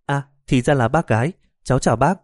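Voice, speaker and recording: A man voicing a polite, calm young woman who lives next door. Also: mid-range voice, brisk, no room sound, pitched above the performer's own voice, lightly acted.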